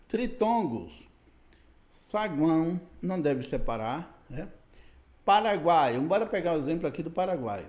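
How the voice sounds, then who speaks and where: Man, grammar teacher, fairly high and very animated voice, explanatory. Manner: explanatory, repeats "né" and "tá bom" to check understanding; spells out letters one by one. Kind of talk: recorded grammar lesson.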